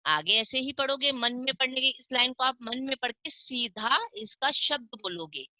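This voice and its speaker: A woman teaching young children online, with a Hindi accent, reading words slowly syllable by syllable and asking questions she then answers herself. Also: high-pitched, lively intonation, pushed and bright, no echo, low-quality recording. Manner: slow, drawn-out syllable-by-syllable reading. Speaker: primary school teacher. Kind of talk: online class lesson.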